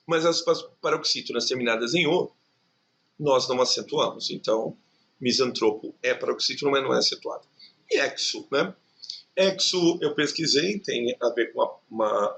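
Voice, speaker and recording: A man's voice: medium pitch, fairly bright tone. A man teaching an exam review lesson, explaining each answer step by step and checking in with the listener.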